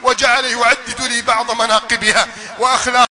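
A man's voice sits very high and rings bright and piercing. He preaches with fervor, telling a story in a loud, declaiming manner that climbs to shouting. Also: flat delivery, fairly quick. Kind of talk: impassioned sermon storytelling.

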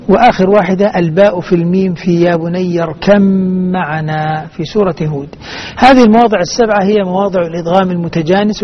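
A man's voice: high voice, breathy edge. A man speaking formal standard Arabic as host and teacher of a religious recitation programme, explaining in a didactic way, listing and repeating his points. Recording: dull band-limited broadcast with faint noise.

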